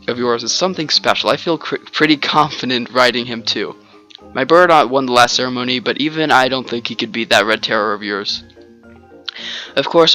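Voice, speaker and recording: Man reading laid-back young bird-rider, easygoing, boastful, bright voice. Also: mid-range voice.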